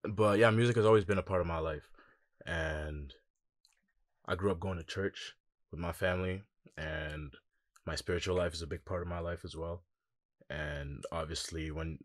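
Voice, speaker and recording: A young musician from Congo, with a very deep, low voice, tells his story as a guest in a casual interview, relaxed and reflective, often pausing on "um" and "like." The recording is close and dry, with no room sound at all.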